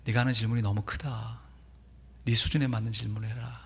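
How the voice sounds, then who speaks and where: Pastor putting on a soft, low divine voice, gentle and measured, reverberant church. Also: male voice, little pitch movement, breathy edge. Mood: calm. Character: calm, gentle inner voice of God.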